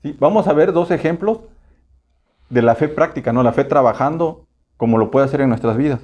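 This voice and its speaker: A man with a Mexican Spanish accent preaching a casual, conversational sermon. He keeps asking the congregation rhetorical questions and slips into quick acted voices. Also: medium pitch, a little mellow. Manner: acts out short voices for humor.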